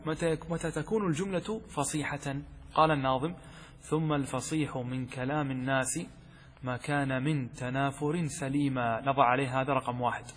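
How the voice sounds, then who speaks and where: Husky-voiced sheikh teaching in a hall. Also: male voice, a little high, fairly bright tone. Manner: explains step by step, asks and answers his own questions; slowly chants quoted verse. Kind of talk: classroom lesson explaining a text. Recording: long hall reverb.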